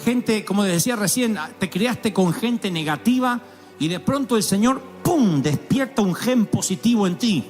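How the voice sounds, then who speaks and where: A man preaching a sermon as pastor, animated and storytelling, with sudden exclamations and voices put on for the people he describes. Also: high voice, moderate pace, soft background music. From Argentina. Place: large church auditorium.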